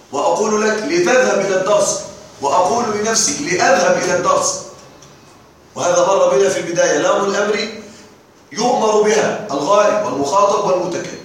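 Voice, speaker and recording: High-voiced male teacher in an echoey room. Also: a bit bright. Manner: explains step by step, often checks the class understands. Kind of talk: classroom lesson explaining grammar verse. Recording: echoey room, distant mic, faint noise.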